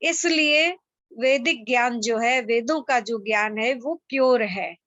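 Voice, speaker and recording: Slow, bright-voiced woman giving a religious discourse. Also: fairly high pitch, no room sound, lo-fi sound. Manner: slow, emphatic explanation with repeated examples. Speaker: Vedic religious speaker.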